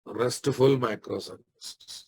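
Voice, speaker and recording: Male, Telugu Indian accent, mid-pitched, software instructor, informal lecture, repetitive phrasing, frequent check-in questions. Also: steady tone, slow, breathy edge. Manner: repeats phrases and checks understanding with tag questions.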